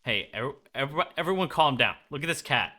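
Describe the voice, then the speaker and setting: A young man streams a game and banters casually with his chat, joking as he plays. His voice sits at a middle pitch with a bright, forward edge. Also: animated, normal speed. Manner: loose, joking, talks to chat.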